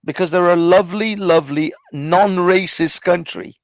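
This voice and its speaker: A man originally from Iran argues his case with force and frequent swearing, repeating lines to drive them home. His voice sits high for a man and has a gravelly edge. The sound is dry and close. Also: normal speed, no room sound. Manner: forceful, profane, repeats himself to press a point. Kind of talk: heated casual debate.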